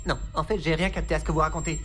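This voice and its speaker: Cartoon sidekick: a zealous schoolboy, lowish voice, pompous and obsequious, music underneath. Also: female voice, fairly even intonation, racing, a bit bright. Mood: reverent, fawning. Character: zealous, fawning schoolboy Templeton, devotee of a machine. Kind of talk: cartoon dub acting.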